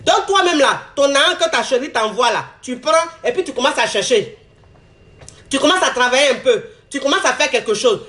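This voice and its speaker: A man with an Ivorian French accent, congested from a cold, giving animated, repetitive relationship advice in casual street slang to his viewers. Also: extremely high pitch, fairly quick. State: congested with a cold, throat-clearing.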